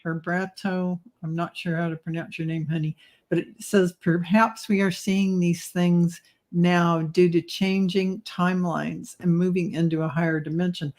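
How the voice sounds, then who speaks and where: A woman hosts a casual live chat in an eager, upbeat way, reading out viewers' comments and agreeing often. Her voice sits a little low for a woman. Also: little pitch movement, moderate pace, a little mellow. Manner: enthusiastic, reads viewer comments aloud. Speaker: host.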